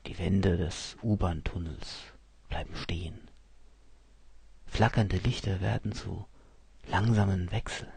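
Brief: a male first-person narrator, cold and measured, slow and dry-voiced. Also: low voice, vocal fry, darkish tone, husky, dry recording.

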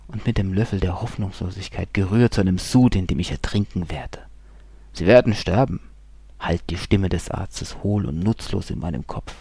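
Gravelly low-voiced man reading dark horror. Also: dry recording. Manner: brooding, slow, drops often into hushed whispers. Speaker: narrator. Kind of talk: dark first-person horror story reading.

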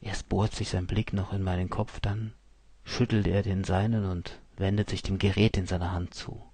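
A man narrating a story in the first person, calm, cold and measured. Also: deep voice, breathy edge, no echo.

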